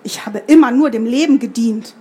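A woman's voice: on the high side, normal speed, a little mellow, breathy edge. A woman voicing a determined young tree woman from a fantasy story, who speaks with firm, urgent earnestness.

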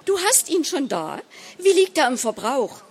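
A woman's voice: fairly high pitch, wildly swooping pitch, slow, pitched above the performer's own voice, full character voice. A woman voicing the narrator's self-assured wife in a read-aloud story, cool and lightly mocking. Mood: eager.

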